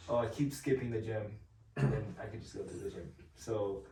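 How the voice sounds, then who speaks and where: A twenty-year-old man on a casual podcast, calmly reasoning his point step by step. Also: lowish voice, normal speed, far from the mic, slight background noise. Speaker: podcast co-host. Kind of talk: casual chat. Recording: roomy sound, mic set back, faint ambience.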